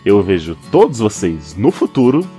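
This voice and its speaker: A man's voice: fairly low pitch, very animated, moderate pace, mellow. A man with a Brazilian Portuguese accent hosting a podcast, speaking playfully and directly to the listener. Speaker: podcast host. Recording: music behind the voice.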